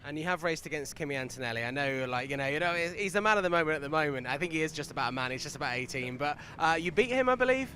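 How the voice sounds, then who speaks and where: A man's voice: on the high side, animated, very fast, hardly any pauses, bright, forceful tone, slight background noise. A man presenting a motor race broadcast, chatting upbeat with drivers and his co-commentator. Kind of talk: trackside broadcast interviews.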